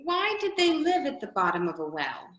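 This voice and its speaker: A woman's voice: sits high, huge pitch swings, normal speed, a bit bright, full character voice. A woman playing a curious, polite but easily indignant young girl in a readers' theater storybook piece, prim and questioning, in an echoey room. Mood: puzzled, indignant. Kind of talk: readers' theater of children's classic.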